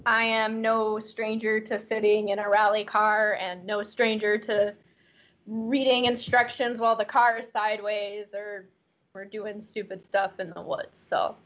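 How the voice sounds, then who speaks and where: A woman in her twenties, a rally co-driver, chatting in a quick, chatty way. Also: mid-range voice, steady tone, fairly bright tone. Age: 20s. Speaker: co-driver guest. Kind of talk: casual storytelling. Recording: dull lo-fi recording.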